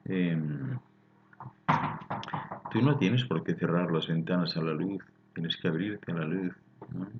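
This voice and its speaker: With a Spain Spanish accent, a deep-voiced man hosts a live spiritual talk, reading viewers' chat questions aloud and answering calmly and explanatorily, often closing points with a questioning tag. He goes slowly with long pauses, and the audio is dull with slight background noise.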